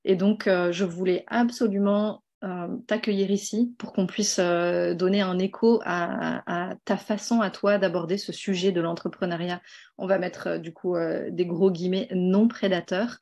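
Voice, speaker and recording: Female podcast host, slightly low voice, earnest, halting delivery full of fillers. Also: fairly even intonation, darkish tone. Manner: earnest, hesitant with many fillers. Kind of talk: casual interview and promo.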